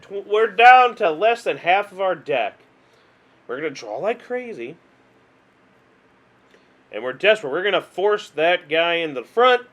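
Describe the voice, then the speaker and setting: A man's voice: sits high, a bit bright. A man commenting casually on his own online card game, chatty and exasperated, laughing at himself as things go wrong. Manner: chatty, exasperated, self-mocking; hums and sighs, laughs at himself. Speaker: gaming video host.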